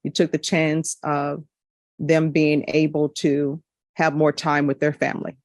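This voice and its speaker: A woman's voice: low voice, little pitch movement, no echo. A woman judge speaking firmly and directly at a courtroom hearing, addressing defendants. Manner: firm, measured, direct.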